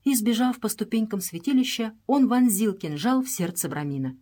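A woman's voice: on the high side, expressive, normal speed, warm tone. Woman narrating an adventure audiobook.

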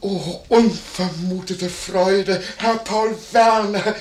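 A nosy fawning innkeeper. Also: male voice, medium pitch, moderate pace, slight background noise. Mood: effusive. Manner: gossipy, wheedling, lively storytelling. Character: nosy, fawning male innkeeper, middle-aged. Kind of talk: 1950s radio play acting. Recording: echoey 1950s radio studio.

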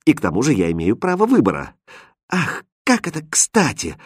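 A man voicing a haughty, capricious young princess in a storybook reading, speaking in imperious, shrill outbursts. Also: huge pitch swings, normal speed, slightly rough, no echo, studio quality. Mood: flustered.

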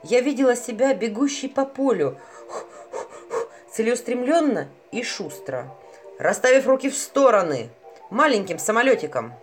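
A woman's voice: fairly high pitch, very animated, normal speed, soft background music. A woman narrating a first-person story in a wry, mocking manner. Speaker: audiobook narrator.

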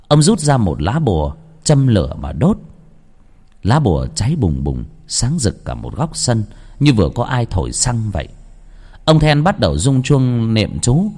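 A man reading a ghost story aloud in a dramatic, expressive way. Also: lowish voice. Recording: long reverb.

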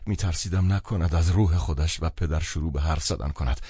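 A man narrating a novel in the first person, measured and expressive. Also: extremely low pitch, slightly rough, no room sound, studio quality. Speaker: audiobook narrator.

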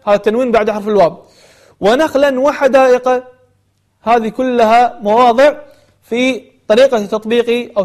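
A man teaching recitation, gently giving feedback and patiently explaining the rules while repeating examples. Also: sits high. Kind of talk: online recitation lesson.

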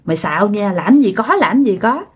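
A scoffing older sibling, blunt and dismissive, as a woman storyteller puts it on. A dropped, lower tone sets the figure apart from the narration. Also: lively intonation, moderate pace, breathy edge. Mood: scornful. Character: scornful older sibling scolding a younger one.

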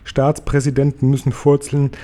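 A man's voice: medium pitch, monotone, moderate pace, warm tone, voice pushed up, lightly acted. Man doing a polite little girl. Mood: explaining.

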